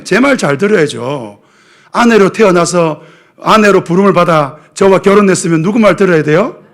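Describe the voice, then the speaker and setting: Higher-voiced pastor with a lilt. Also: male voice. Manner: asks the congregation questions, wry self-mocking humor. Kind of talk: sermon.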